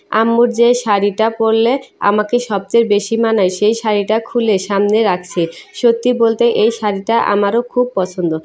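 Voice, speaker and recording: Steady woman storyteller. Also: medium pitch. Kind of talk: first-person story narration.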